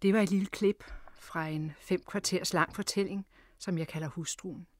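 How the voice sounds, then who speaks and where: A woman's voice: lowish voice, steady tone, dry recording, clean studio sound. A woman storyteller and radio host, telling a story with dramatic shifts between a full voice and a whisper.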